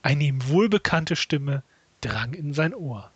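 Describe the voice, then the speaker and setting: A man's voice: fairly high pitch, lively intonation, slow pace, breathy edge, no echo, dull audio. A man narrating an absurd comedy story in a mock-serious storytelling way. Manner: mock-serious storyteller, with giggles and silly voices for the figures.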